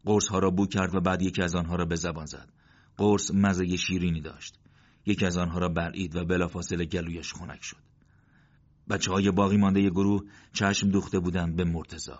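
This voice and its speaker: A man narrating a war story in a steady, measured reading. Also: low-pitched. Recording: dull lo-fi recording.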